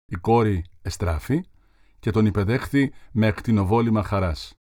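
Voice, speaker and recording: A man narrating a literary audiobook in a measured, formal reading style. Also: on the low side, darkish tone, no room sound, clean studio sound.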